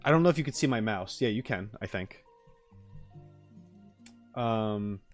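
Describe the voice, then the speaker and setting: A streamer reacting to game character trailers chats casually on a live stream, offering a rambling, informal critique full of hedging and "like." His lowish voice is expressive and unhurried, with faint music in the background.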